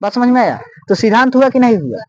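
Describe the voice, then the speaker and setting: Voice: mid-range voice, big pitch swings, no echo. Bihari-accented teacher, dull dry recording. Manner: repetitive, keeps asking students whether they follow; explains step by step, patient and drawn-out. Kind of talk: recorded Hindi grammar lesson.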